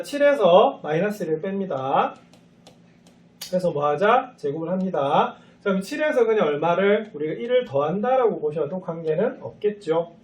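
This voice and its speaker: High-voiced man teaching math. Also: a little mellow, far from the mic. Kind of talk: recorded math lecture.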